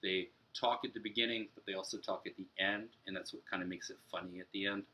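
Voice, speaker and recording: Indoors in a room at home, a young adult male elementary teacher explains a read-aloud and story structure lesson straight to young children. He talks fast in a deep, steady, sharp-toned voice, and the recording is rough.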